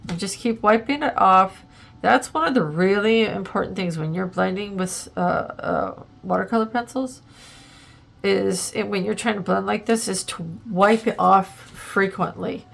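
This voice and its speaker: A woman with a mid-range, creaky voice hosts a casual art tutorial at a measured pace. Her nose sounds a little plugged up as she chats, thinks out loud while working, and leans on lots of ums and likes.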